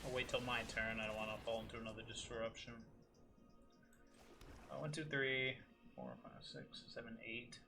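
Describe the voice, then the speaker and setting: Man, gameplay commentary, bright tone, muttered thinking aloud, dry asides, home room, faint background music. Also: medium pitch, flat delivery, moderate pace, long pauses. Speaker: gaming video host. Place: room at home with window open.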